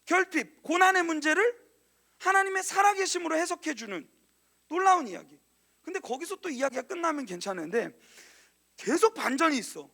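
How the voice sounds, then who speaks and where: A man preaching a sermon as a youth pastor. He tells the story in a conversational, animated way and speaks to the congregation directly. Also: normal speed, creaky. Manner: animated storytelling, acting out quoted lines in a hushed lower voice.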